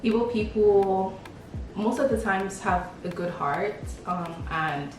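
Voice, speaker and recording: Her voice mid-range and her pace slow, a young Lagos woman answers personal questions in a relaxed, playful vlog chat. An echoey room, distant microphone, soft music, and a background beat shape the sound.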